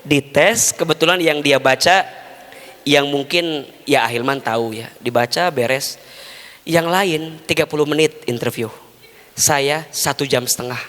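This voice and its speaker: A man with a Sundanese accent preaching, telling a funny story in a lively, joking way, jumping between loud and hushed. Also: fairly high pitch, unhurried. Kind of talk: humorous storytelling sermon. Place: mosque hall. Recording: echoey hall reverb.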